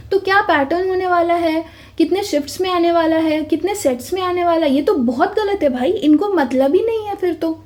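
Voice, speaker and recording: High-pitched insistent woman. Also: dark tone. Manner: insistent, repeatedly addresses listeners with "bhai" and "theek hai". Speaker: exam update commentator. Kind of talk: casual explanatory talk to viewers.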